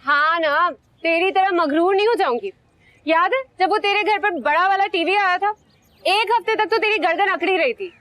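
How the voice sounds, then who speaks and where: A woman's voice: very high-pitched, moderate pace, fairly bright tone. An actress playing a brash, teasing young woman who wants to marry a man with a car. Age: young adult. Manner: teasing, cheeky. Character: brash outgoing young woman wanting a car-owning groom. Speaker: lead character. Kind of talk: TV drama acting.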